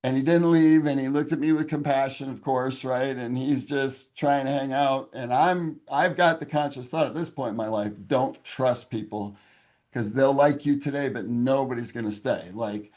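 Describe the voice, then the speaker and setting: A man's voice: mid-range voice, normal speed, darkish tone. A man giving an interview and sharing his personal testimony, speaking in an earnest, raw, and emotional way. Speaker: interview guest.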